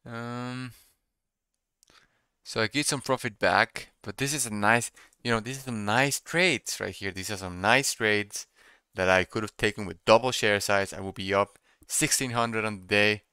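A young man doing casual live trading commentary, thinking out loud and repeating his phrases as he muses. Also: on the low side, measured pace, clear, resonant tone, dry recording, clean studio sound. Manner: repeats phrases while musing to himself. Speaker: day trader streaming live. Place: small room indoors at a computer desk.

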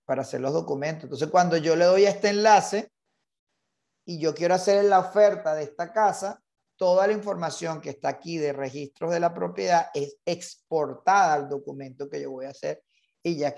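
Gravelly man teaching a real estate class. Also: on the high side, darkish tone. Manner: insistent, repetitive, mixes English jargon into Spanish. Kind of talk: online training class.

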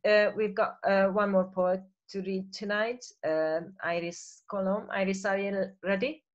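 A woman whose first language is Hungarian, hosting an online poetry reading and thanking the poets in a halting way with many restarts. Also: medium pitch, fairly even intonation. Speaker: event host and curator. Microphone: video call. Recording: muffled lo-fi call audio.

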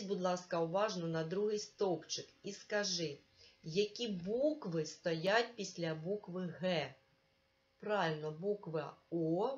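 Woman teacher doing a remote lesson for little kids, really slow and patient, kinda muffled lo-fi audio. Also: lowish voice. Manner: slow, patient, encouraging, addresses the pupil directly. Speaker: primary school teacher. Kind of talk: remote lesson for young children. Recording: dull lo-fi recording.

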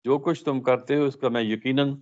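A man's voice: medium pitch, fairly even intonation, darkish tone, muffled recording. Middle-aged man reading a religious talk. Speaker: speaker at a religious study session.

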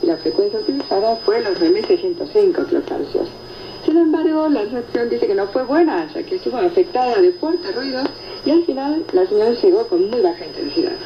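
A woman presenting a radio show talks a little fast in a slightly high, sing-song voice as she reads listener reports and responds conversationally. The broadcast comes through shortwave, muffled and echoey, with heavy static behind it.

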